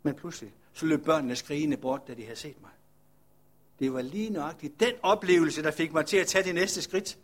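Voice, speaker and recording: A preacher voicing a weary leper farmer. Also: male voice, on the high side, natural voice. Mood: longing. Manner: earnest first-person storytelling. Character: weary outcast male leper farmer, humble.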